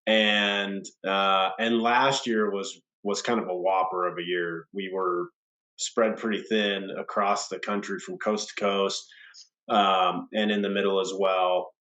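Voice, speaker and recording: A man's voice: low-pitched, little pitch movement, unhurried, sharp tone. Stuffed-up nasal man in an echoey room. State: recovering from a cold. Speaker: senior vice president of government affairs. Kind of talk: webinar presentation.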